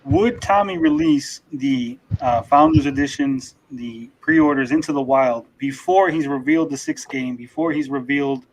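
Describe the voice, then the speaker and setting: A man's voice: medium pitch, moderate pace, few pauses, slight background noise, rough recording. Man hosting with probing questions. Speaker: host. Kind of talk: casual livestream chat.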